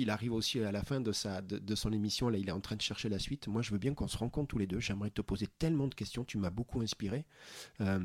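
A man, a podcast host, talking earnestly about his interviews in a warm, heartfelt way, often restarting his sentences. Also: fairly low pitch, slightly rough, no echo. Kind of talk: conversational interview storytelling. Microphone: studio microphone.

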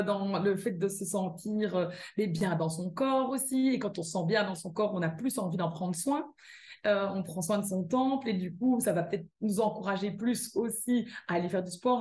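A woman's voice: mid-range voice, a little mellow. A woman with a Belgian French accent, a guest author and yoga teacher chatting casually in an interview, with many fillers and restarts.

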